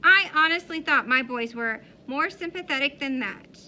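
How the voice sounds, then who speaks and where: A woman's voice: sits high, lively intonation, normal speed, bright, forceful tone, slight background noise, pitched above the performer's own voice, full character voice. Woman reading as a scolding mom. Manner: scolding, earnest. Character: stern caring mother of two boys.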